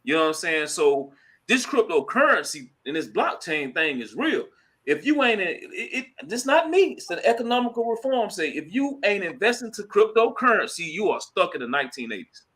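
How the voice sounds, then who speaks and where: A man hosting a casual live stream, talking in a slangy, chatty way and giving shout-outs. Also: high-pitched, sing-song, brisk, husky. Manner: slangy and chatty, full of "you know what I'm saying" and shout-outs. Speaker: host of a crypto live stream. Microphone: computer mic at a laptop.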